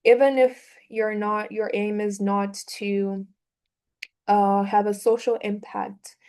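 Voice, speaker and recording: A woman's voice: medium pitch, little pitch movement, slow, a little mellow. A woman giving a conference talk, hesitant with many fillers. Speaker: conference speaker.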